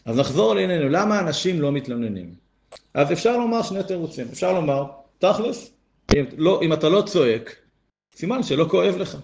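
A man's voice: a little high, lively intonation, creaky, a little mellow. A man giving a Torah lesson, reading texts aloud and explaining them earnestly, his voice rising to stress key points. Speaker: Torah teacher.

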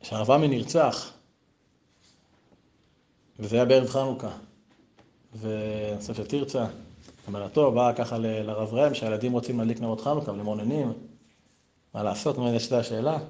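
Teaching a Torah lesson, a middle-aged rabbi weaves in stories and rhetorical questions, pausing often. His voice has a dark tone and jumps high whenever he stresses a point.

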